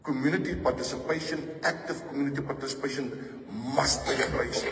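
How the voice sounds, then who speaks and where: A man's voice: mid-range voice, steady tone, a little fast, a bit bright, far from the mic, a little hiss or hum. Rallying man addressing a hall. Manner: firm, declarative, rallying. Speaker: police official giving a speech. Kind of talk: public address to officers.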